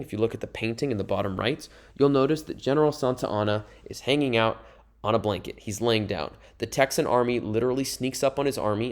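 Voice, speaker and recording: A young man teaching a history lesson over slides, explaining in a casual, conversational way with asides to his students. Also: fairly low pitch. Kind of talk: recorded classroom lecture over slides.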